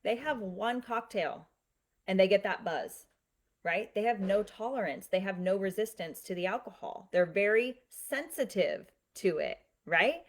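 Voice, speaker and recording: Woman, livestream teacher, mid-pitched voice, step-by-step explanations, frequent check-ins with listeners, conversational. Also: animated, a little slow. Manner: explains step by step, often checking in with "right?" and "okay?"; conversational, with some restarts. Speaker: livestream presenter answering viewer comments. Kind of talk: live-streamed explanatory talk.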